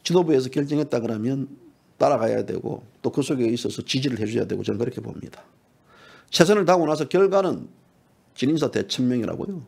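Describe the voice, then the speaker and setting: A man giving impassioned political talk as a party politician. He talks emphatically, repeats himself and rises into high pleading tones. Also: gravelly, a little mellow.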